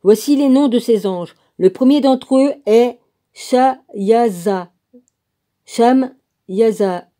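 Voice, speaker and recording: A woman reads a religious text aloud at a slow, casual pace, spelling out names letter by letter and adding her own comments. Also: a little high, dark tone. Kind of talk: casual reading aloud with asides.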